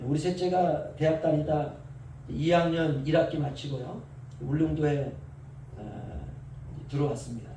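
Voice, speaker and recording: A middle-aged male pastor preaching a sermon. He swings between soft asides and loud, drawn-out calls. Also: fairly high pitch, fairly even intonation, slight background noise. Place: church sanctuary. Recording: echoey church, mic at a distance.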